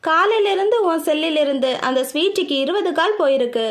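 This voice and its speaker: A woman's voice: very high voice, lively intonation, fairly quick. A woman voicing a playful young man who teases his friends in an audiobook. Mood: teasing. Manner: mocking, joking.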